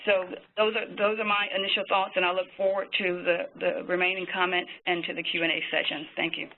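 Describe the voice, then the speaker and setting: Over thin, tinny, phone-like audio with a slight hiss or hum, a high-voiced male physician panelist reads prepared webinar remarks. His tone stays flat and even, his pace measured, with frequent filler-laden pauses.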